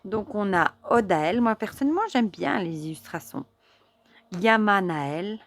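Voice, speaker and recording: A woman casually reviewing an oracle card deck, chatty and admiring, with many fillers and soft, near-whispered asides. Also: mid-range voice, animated, moderate pace. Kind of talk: casual show-and-tell review.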